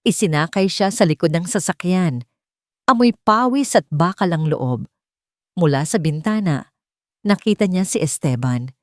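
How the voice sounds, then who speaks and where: A woman with a lowish voice for a woman gives an expressive, scripted narration of a dramatic love story at a measured pace. Her tone is a little mellow, and the sound is very dry with no echo or room around it.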